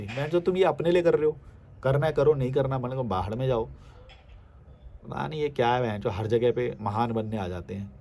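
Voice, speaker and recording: A man's voice: a little high, darkish tone. A man in a casual rant reacting to viewer comments, scornful and blunt, firing rhetorical questions at the listener. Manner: scornful, mocking, blunt and coarse. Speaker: social media commentator.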